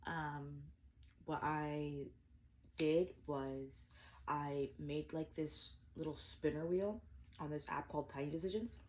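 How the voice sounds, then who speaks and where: A woman in her twenties vlogs while eating breakfast at home, chatting casually to the camera in an eat-with-me style. Her voice is low, a little mellow, and fairly even in intonation, and she takes her time, rambling and poking fun at herself with plenty of fillers and restarts. There's a slight hiss or hum in the recording.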